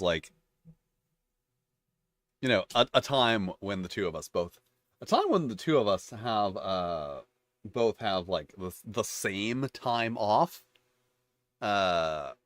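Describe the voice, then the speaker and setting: A man with a low voice works through a page of game rules, reading each one out and then wandering into loose, talky asides full of restarts. His voice sits dry and close, with no room sound around it. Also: lively intonation, slow pace, pauses often, no echo. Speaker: channel host reviewing tabletop games. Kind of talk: casual commentary reading rules aloud.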